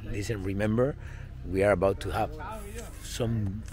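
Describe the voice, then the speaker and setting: A young man from Spain with a Spanish accent, speaking English in a loud, boastful way and swearing a lot. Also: on the low side, fairly even intonation, measured pace. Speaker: friend on the trip.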